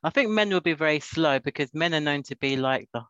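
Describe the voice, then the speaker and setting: A man's voice: on the high side, lively intonation, fairly quick, fairly bright tone, clean tone, no room sound. A man in casual discussion, talking emphatically and openly about his own experience. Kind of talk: casual chat. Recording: dull, dry sound.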